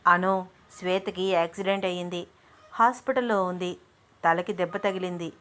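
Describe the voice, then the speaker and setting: A woman voicing a calm, practical young man who speaks affectionately and reasons things out in an even tone, close to her own voice. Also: on the low side, normal speed, close to an everyday voice.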